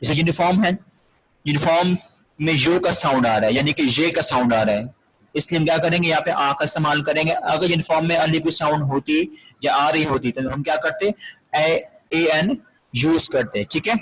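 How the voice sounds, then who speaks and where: A man's voice: fairly high pitch, a bit bright, breathy edge, poor audio. A man teaching an English grammar lesson, explaining step by step, repeating key words and asking rhetorical questions. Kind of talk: classroom grammar lecture.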